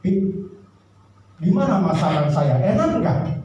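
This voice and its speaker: A preacher putting on a wife's sweet, coaxing voice, pitched well up. The voice sounds from far off across a big, echoing hall with faint noise behind. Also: male voice, big pitch swings, measured pace, warm tone, dull audio. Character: sweet-voiced wife calling her husband. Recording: echoey hall, mic at a distance.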